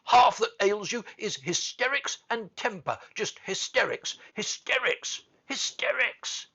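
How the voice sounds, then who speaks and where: A man voicing a savage, hot-tempered little girl who shouts, scolds and commands in a storybook reading. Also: sits high, expressive, unhurried, husky, dull audio, voice pushed up, heavily acted. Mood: furious.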